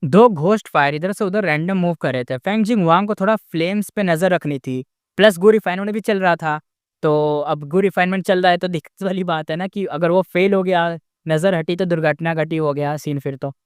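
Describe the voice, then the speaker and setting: A man's voice: high voice, brisk, smooth, no echo, studio quality. A man casually retelling a novel's story in a chatty way, talking straight to his listeners.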